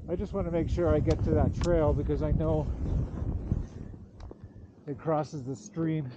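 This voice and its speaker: A man's voice: a little high, fairly even intonation, measured pace, dull audio, heavy background noise. A man narrating to himself while skiing through a snowy forest, filmed on a pole-mounted action camera, with breathless running commentary and cursing at branches. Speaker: backcountry skier filming himself.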